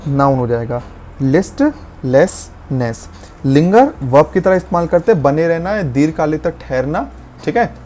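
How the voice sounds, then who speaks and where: Man teaching vocabulary, slightly high voice. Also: lively intonation, a little mellow, a little hiss or hum. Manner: explanatory, slows to spell and stress key words. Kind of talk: explaining vocabulary in Hindi mixed with English.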